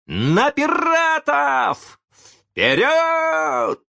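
A man's voice: wildly swooping pitch, drawn-out words, sharp tone, exaggerated voice. Peter Pan, a crowing boy, as a man puts him on. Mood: triumphant. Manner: high, crowing and teasing. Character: cocky boastful boy, eternal child hero.

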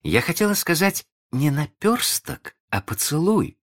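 A man's voice: fairly high pitch, big pitch swings, measured pace, pitched above the performer's own voice, exaggerated voice. Wendy, put on by a man, a gushing young girl. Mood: gentle. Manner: breathless, gushing, prim. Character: kind, motherly young girl, easily enchanted.

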